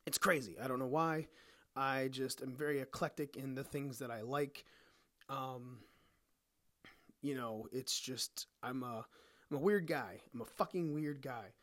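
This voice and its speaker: A man's voice: medium pitch, unhurried, a bit bright. A young adult man hosting his own podcast, ranting bluntly and profanely, a little sick. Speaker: podcast host. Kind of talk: casual monologue rant.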